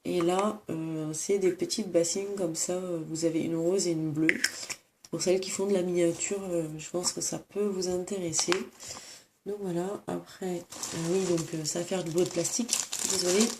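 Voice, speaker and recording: Brief: sick woman, low-ish voice, hesitant show-and-tell vlog at home, noisy crinkling bags behind. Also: steady tone, normal speed. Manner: hesitant, many fillers and self-corrections. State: sick, sniffling. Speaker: crafts vlogger. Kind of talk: casual show-and-tell of craft supplies. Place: room at home. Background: crinkling plastic bags.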